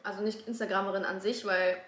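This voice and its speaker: A woman's voice: medium pitch, fairly even intonation, fast, a bit bright. A woman, chatting casually and explaining things in a loose, slangy, searching way. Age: 20s. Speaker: YouTuber guest. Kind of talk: casual chat. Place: small room at a dining table. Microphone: camera a few feet away. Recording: echoey room, camera at a distance.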